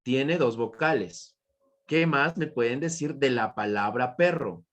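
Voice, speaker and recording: A man's voice: medium pitch, unhurried. A man teaching an online class with a Peruvian Spanish accent, repeating his points and asking students questions. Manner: repetitive, questioning students, praising answers.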